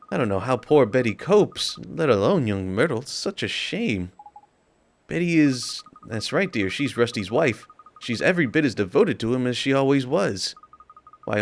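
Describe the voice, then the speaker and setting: A gossiping old woman neighbour, voiced by a man reading a game aloud, hushed and a little low for his own voice. She fusses and dotes, drawing out her sympathy in an animated, rolling lilt. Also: natural voice. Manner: soft, doting, fussing.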